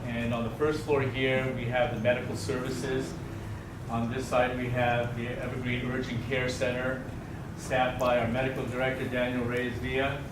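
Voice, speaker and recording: A man giving a welcome speech in front of an audience, speaking haltingly to the gathered crowd as one of the hosting partners. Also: medium pitch, level tone. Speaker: medical center partner giving opening speech. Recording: echoey, noisy venue, distant microphone.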